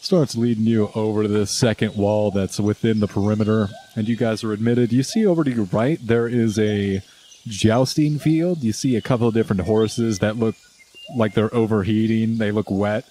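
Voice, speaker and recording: A man narrating a tabletop game as game master, describing scenes in a relaxed way with pauses and fillers. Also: on the low side, slight background noise.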